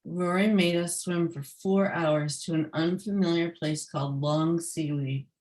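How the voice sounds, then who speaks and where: A woman's voice: low voice, steady tone, unhurried, darkish tone, poor audio. A woman reading her children's book aloud on a video call, adding short explaining asides.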